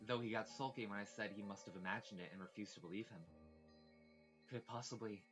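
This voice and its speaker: A man reading a visual novel's narration aloud for a let's play, with expressive delivery and casual, swearing asides. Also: on the low side, fast. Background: faint game music.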